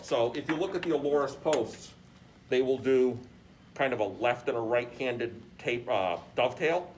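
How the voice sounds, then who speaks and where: A man's voice: mid-range voice, moderate pace, a little mellow. Male shop instructor, experienced machinist explaining step by step, mid-range voice, noticeable background noise. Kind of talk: hands-on step-by-step shop demonstration. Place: workshop beside a lathe.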